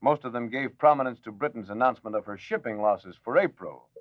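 A man reading a formal radio news bulletin in a measured announcer manner, heard as an old newsreel-style broadcast. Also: medium pitch, dry recording. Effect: old newsreel-style broadcast sound. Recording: dull lo-fi old radio recording, dry.

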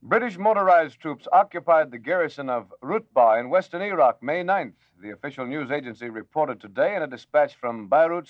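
A man reading a formal radio news bulletin in a measured announcer manner, heard as an old newsreel-style broadcast. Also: a little high, no room sound. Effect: old newsreel-style broadcast sound. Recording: dull lo-fi old radio recording, dry.

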